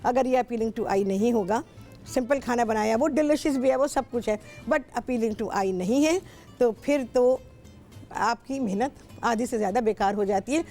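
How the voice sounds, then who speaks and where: Her voice is fairly high but dark in tone, her pace a little slow, with faint music in the background. This middle-aged woman, who has a Pakistani Urdu accent, hosts a cooking show in a television studio, talking with callers instructively and at length, repeating herself often.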